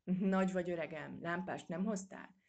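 A woman's voice: on the low side, lively intonation, a little mellow, slightly rough, highs cut off. A woman voicing a spirited young male mouse adventurer who gives orders eagerly and impatiently.

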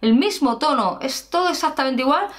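Lively woman teaching singing. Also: high-pitched, brisk. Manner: lively, chatty, demonstrates vocal sounds. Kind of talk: casual singing lesson.

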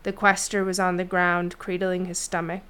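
A woman narrating a fantasy novel chapter in a steady storytelling read. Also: fairly low pitch, normal speed, smooth. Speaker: audiobook narrator. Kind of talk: scripted fiction narration.

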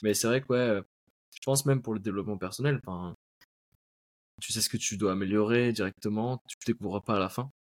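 A man from France hosting a relaxed interview, asking easygoing questions. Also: lowish voice, a little fast. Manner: relaxed, laughs along with guest. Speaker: host. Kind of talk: casual interview conversation.

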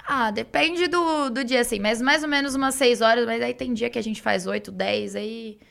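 A woman's voice: on the high side, normal speed, creaky, a bit bright. A young woman with a Brazilian Portuguese accent, chatting informally as a guest who streams games. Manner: informal, conversational. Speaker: guest, live game streamer. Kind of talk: casual chat.

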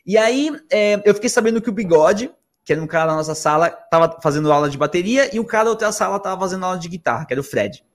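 A man in casual chat, animated, mimicking other as he tells stories. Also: fast. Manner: animated, mimics accents with big pitch jumps.

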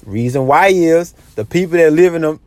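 High-voiced man lecturing casually. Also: expressive, moderate pace, a little mellow, dry recording. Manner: repetitive, lecturing, says "you know what I'm saying" a lot. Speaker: money advice vlogger. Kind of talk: casual advice monologue.

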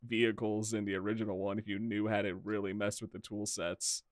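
A man's voice: fairly low pitch, flat delivery, brisk, no room sound, studio quality. A man co-hosting a casual gaming podcast, eagerly explaining game features at length. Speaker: podcast co-host. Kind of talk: casual chat.

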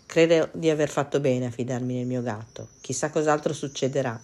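A woman's voice: rumbling low, brisk, a little mellow. A woman voicing a hopeful young miller's son. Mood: hopeful, grateful.

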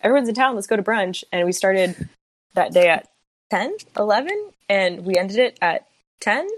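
A woman's voice: mid-range voice, animated, normal speed, no room sound. A woman in her twenties in a casual chat, telling a story with lots of animation and acting out her own quotes. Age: 20s.

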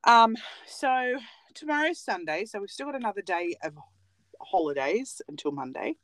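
A nail technician in her late thirties co-hosts a casual podcast from a small cupboard in her home, joking around and often laughing at herself. Her medium-pitched voice is sing-song and a bit bright, at a normal speed.

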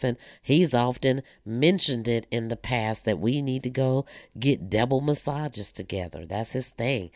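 Very low, gravelly-voiced woman in her fifties. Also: darkish tone, no echo, clean studio sound. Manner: talkative, earnest and personal. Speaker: blogger sharing personal reflections. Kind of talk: candid reflective monologue.

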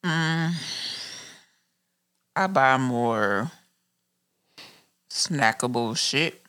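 A man's voice: medium pitch, lively intonation, extremely slow, sharp tone, clear, resonant tone. A man in casual chat with friends, slangy and profane.

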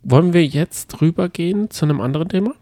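Co-hosting a casual podcast, a man trades playful, teasing banter while recapping reality TV. His voice runs on the high side, mellow and quick. The studio sound is clean, with no echo.

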